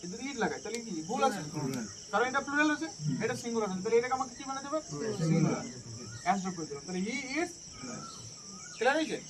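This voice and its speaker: Man, very high voice, English teacher, classroom drill, constant check questions, loud crickets behind. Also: big pitch swings, quick pace, long pauses, recorded from a distance. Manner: mixes English examples into Bengali speech; casual familiar address to students. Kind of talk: classroom grammar lesson. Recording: loud background noise with insects.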